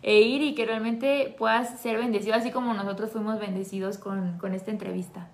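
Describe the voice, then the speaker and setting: A woman co-hosting a faith podcast, telling stories in a lively way and repeating words for emphasis. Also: mid-range voice, a little fast. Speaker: podcast co-host. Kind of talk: casual faith podcast chat and storytelling.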